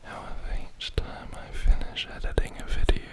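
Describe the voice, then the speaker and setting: Speaking in a whisper very close to a stereo mic setup, this ASMR host wanders from one topic to the next, shifting ear to ear. The rambling is broken up by lengthy, lingering pauses.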